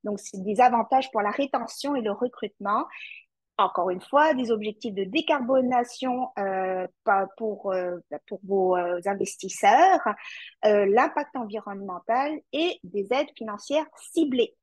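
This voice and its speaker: A woman's voice: medium pitch, unhurried, no echo, poor audio. A woman with a French accent presenting a webinar as a climate consultant, speaking directly to her audience with frequent hesitations and fillers. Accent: French (France).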